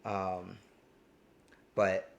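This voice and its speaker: A low, gravelly male voice speaks in a monotone, stretching out his words, with the high frequencies cut off. He's a New Jersey man hosting a casual live cooking stream, rambling with lots of ums and restarts as he demos and reads chat.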